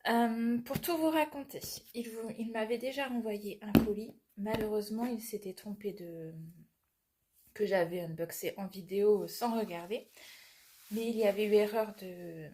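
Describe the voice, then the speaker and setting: A woman's voice: medium pitch, normal speed, dark tone, a little hiss or hum. Chatty woman unboxing a craft kit. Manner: chatty, with fillers and little laughs. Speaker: cross-stitch vlogger. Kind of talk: casual unboxing vlog.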